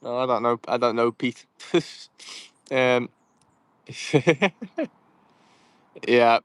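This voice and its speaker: Speaking extremely slowly in a smooth, level, medium-pitched voice with no echo, a young Scouse-accented man from Liverpool, England, runs a casual fishing live stream. He's outdoors by cold water, laughing often as he fishes and works through viewer comments.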